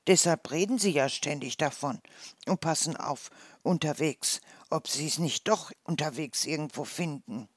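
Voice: mid-range voice, moderate pace, no room sound, close to an everyday voice. Ein Vorleser spricht einen kleinen, neugierigen Igel. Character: small curious hedgehog, naive and friendly.

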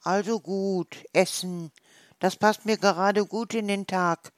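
A small, bewildered hedgehog from a storybook, raised high above the reader's own voice and a touch strained, as the narrator puts him on. He asks his naive questions slowly and wonders aloud about his hunger. The sound is close and dry. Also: steady tone, no room sound, natural voice. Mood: puzzled. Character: hungry, puzzled little young hedgehog.

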